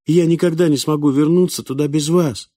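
A man's voice: a little high, normal speed, mellow, no room sound, studio quality, voice pushed up, natural voice. A man voicing an earnest young boy from another planet who explains things in a plaintive, eager way. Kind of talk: audiobook character voice.

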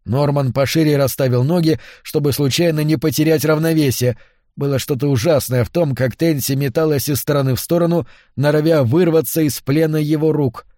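A man narrating a novel as an audiobook, in a measured, even reading. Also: on the high side, no room sound, clean studio sound. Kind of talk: scripted literary narration.

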